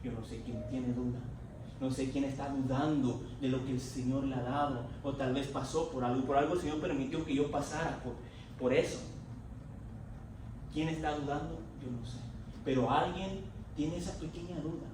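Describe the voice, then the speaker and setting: Recorded from far away in a highly echoey church hall with a noisy background, a married lay preacher gives a Pentecostal-style sermon in the sanctuary. He tells his own testimony with fervent, emotional conviction, though his mid-range voice stays fairly even in intonation at a moderate pace.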